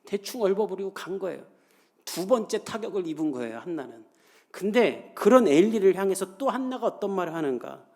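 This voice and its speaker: A male pastor delivers a Sunday sermon in a somewhat high voice. He talks to the congregation in a chatty way, acts out the voices he quotes, and climbs to emphatic peaks. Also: darkish tone. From South Korea.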